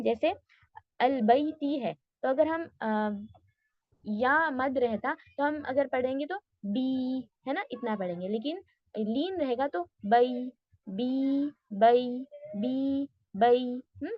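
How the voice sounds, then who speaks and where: High-voiced woman teaching tajweed. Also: no room sound, highs cut off. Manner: patient, explains step by step, models sounds slowly. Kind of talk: online class lecture.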